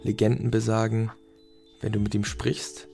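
A man's voice: lowish voice, flat delivery, moderate pace, gravelly, mellow, faint music behind. A man voicing a friendly young man who proudly confides a secret. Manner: confiding storyteller tone.

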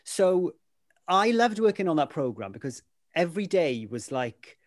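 A Welsh-accented man, a native Welsh speaker and weather presenter, talks about his career as a guest in a relaxed interview. His voice is on the high side and sing-song, at a moderate pace, recorded dry with clean studio sound. He rambles and leans heavily on "you know."

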